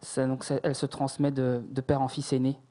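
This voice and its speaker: Man, forties, from france, dark mellow voice, halting testimony, lots of fillers. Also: mid-range voice, completely flat delivery. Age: 40s. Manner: measured, hesitant, many fillers. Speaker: guest giving testimony. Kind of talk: personal testimony.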